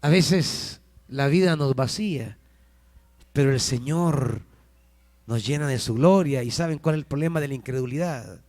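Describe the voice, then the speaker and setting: A Salvadoran man preaching a sermon at a church service, swinging between shouts and hushed lines. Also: medium pitch, normal speed. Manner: impassioned preaching, sudden shouts and drops to near-whispers. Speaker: pastor.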